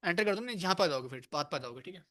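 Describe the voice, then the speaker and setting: A man's voice: sits high, expressive, rapid-fire, fairly bright tone. A man teaching programming to a class in a room, casual and chatty, coaxing and teasing his students. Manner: casual, scolds and coaxes students. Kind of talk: live classroom lecture.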